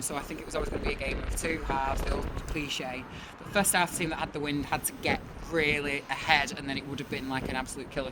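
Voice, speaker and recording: Woman, football coach, rapid informal delivery, emphatic, post-match interview, noisy windy outdoor recording. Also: deep voice. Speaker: football team manager and coach.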